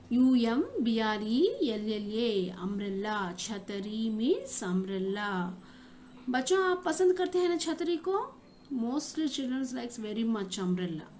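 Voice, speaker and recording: A woman Hindi teacher with an Indian accent, giving a recorded lesson to children and repeating each word slowly and carefully for her pupils. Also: on the high side, darkish tone, a little hiss or hum.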